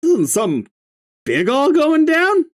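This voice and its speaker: Pushing their voice up into a high, full character voice, a reader plays a young male stoner clown troll from a webcomic. Pitch swings hugely and the pace is a little slow as he drawls, slurred and clownish, swearing lazily and marveling at everything.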